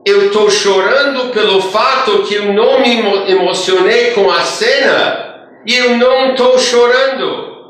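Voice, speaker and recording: Male rabbi, high bright voice, slow measured lecture, recorded in a very echoey hall with faint room noise. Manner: storytelling, rising emphatic phrases then trailing off quietly. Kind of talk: religious lecture.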